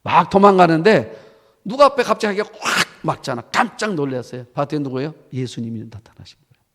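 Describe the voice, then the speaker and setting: A man preaching a sermon as pastor, telling the story with lively questions to the congregation. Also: fairly high pitch, fairly quick. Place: church sanctuary. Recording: church hall reverb.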